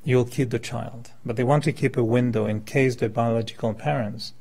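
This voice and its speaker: Gravelly and darkish, his medium-pitched voice holds a steady tone at a moderate pace. This meditation teacher in his 50s, a native French speaker born in France and settled in Quebec, gives a casual spiritual talk to a live group, using hypothetical examples and questions in a conversational way.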